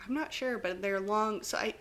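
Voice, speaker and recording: A young woman co-hosting a podcast, easygoing and quick to laugh in casual chat. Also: mid-range voice, fairly bright tone. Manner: easygoing, laughs often, short replies. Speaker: podcast co-host.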